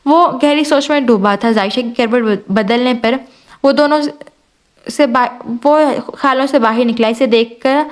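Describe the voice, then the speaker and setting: A woman narrating an audio novel with a steady, even reading. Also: on the high side.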